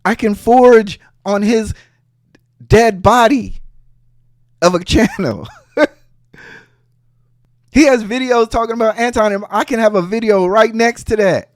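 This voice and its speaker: A man's voice: sits high, unhurried, long pauses, no echo, clean studio sound. A man hosting a podcast, giving heated casual commentary in a profane, mocking way. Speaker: podcast host.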